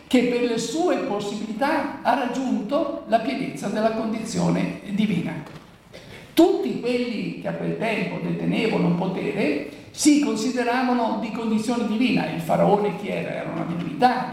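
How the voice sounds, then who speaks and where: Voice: medium pitch, gravelly, darkish tone. A preacher giving a Bible commentary talk who poses rhetorical questions and then answers them. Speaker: preacher explaining the Gospel. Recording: very echoey room, voice from far off.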